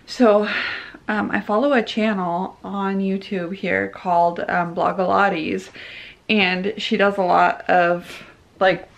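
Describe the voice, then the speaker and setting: A woman in her thirties chatting casually to a handheld camera at home, relaxed and rambling with fillers. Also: mid-range voice, slow pace, vocal fry, low-quality recording. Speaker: vlogger. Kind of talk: casual vlog chat. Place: home kitchen and living room. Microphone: handheld camera at arm's length.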